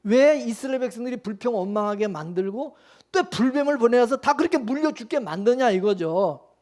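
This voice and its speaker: A man's voice: extremely high pitch, animated, brisk, a little mellow. A man preaching a sermon as the pastor, in a loose conversational way, constantly throwing questions back at the congregation. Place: church.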